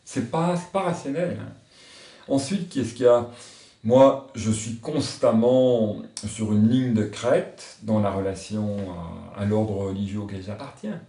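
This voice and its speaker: In a reflective interview, a man from a religious order speaks earnestly and thoughtfully, working through his ideas aloud. His voice is lowish, unhurried and mellow, captured by a distant mic in an echoey room.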